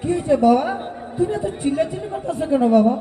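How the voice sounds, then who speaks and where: A worried mother soothes her son but firmly refuses him, as a man puts her on. Her voice sits high and carries through a large echoing hall. This is a live stage drama, with a faint audience in the room. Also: lively intonation, fast talker, dark tone, a faint crowd, a little hiss or hum.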